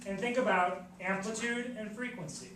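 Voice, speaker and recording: A woman's voice: medium pitch, moderate pace. Upbeat woman teaching a chemistry class. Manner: upbeat, questioning, coaxing students. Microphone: camera across the room. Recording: echoey classroom, distant camera, noisy.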